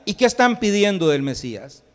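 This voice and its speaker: A man preaching a sermon as pastor, impassioned, swinging between loud proclamation and hushed intensity. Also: high voice, sing-song, fairly quick, in a large hall. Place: church sanctuary.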